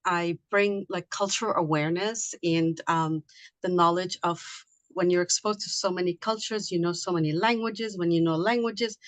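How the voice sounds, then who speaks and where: A woman's voice: on the low side, fairly even intonation, normal speed, dry recording, rough recording. A middle-aged woman from Liberia, speaking casually as an interview guest, talking in a chatty way with many fillers and restarts. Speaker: guest, immigration consultant.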